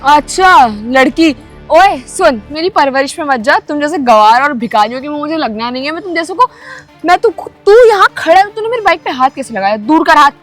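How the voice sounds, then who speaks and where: Brief: young woman, high voice, haughty and insulting, faint music underneath. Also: expressive, brisk. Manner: scornful, insulting, shouting. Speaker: arrogant rich girl in a short film. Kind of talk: scripted dramatic acting.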